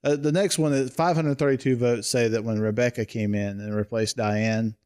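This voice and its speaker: A man with a medium-pitched voice co-hosts a casual podcast chat. He talks haltingly, often pausing and restarting his sentences. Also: steady tone, darkish tone, smooth. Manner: hesitant, many fillers and restarts. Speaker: podcast co-host. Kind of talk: casual chat about TV shows.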